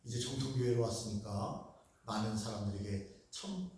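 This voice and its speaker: A man's voice: lowish voice, moderate pace, a little mellow. A man from Gyeongsang Province preaching a sermon, chatting with the congregation and asking them questions. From Gyeongsang Province, Korea. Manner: conversational, asks the congregation questions. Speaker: pastor. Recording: echoey hall, voice from far off.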